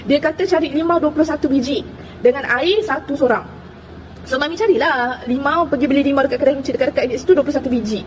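High-voiced, fast Malaysian woman storyteller. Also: a little hiss or hum. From Terengganu, Malaysia. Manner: animated, acts out other people's lines. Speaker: storyteller recounting her experience. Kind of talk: casual storytelling to viewers.

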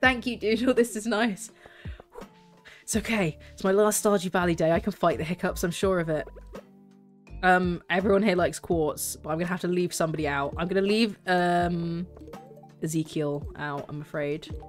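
Girl rambling and giggling over her game, self-mocking, soft music under it. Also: on the low side, normal speed. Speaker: game streamer. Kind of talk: casual gameplay commentary.

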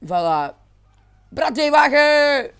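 A man giving excitable let's-play commentary, exclaiming and laughing often. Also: very high-pitched, slow, gravelly. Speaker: gaming channel host.

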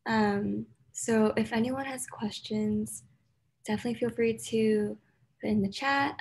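A woman's voice: medium pitch, creaky, a little mellow, husky. A woman in her twenties casually moderating an online workshop over a video call. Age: 20s.

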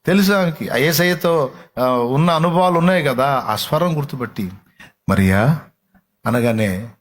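A man's voice: fairly high pitch, lively intonation, moderate pace. A man preaching a sermon with dramatic flair, firing rhetorical questions at his congregation.

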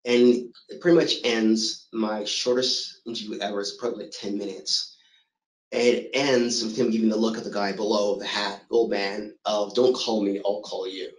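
A middle-aged man giving a motivational talk, telling his own story in a lively way and acting out what others said to him. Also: fairly low pitch, normal speed, roomy sound, rough recording. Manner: storytelling, animated, acts out quoted voices. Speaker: motivational speaker.

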